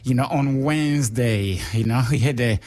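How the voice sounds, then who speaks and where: A chatty man from Rwanda, co-hosting a radio show in a relaxed, casual way. His voice sits at an ordinary middle pitch, and he talks with lots of animated jumps and friendly fillers. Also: moderate pace. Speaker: radio co-host.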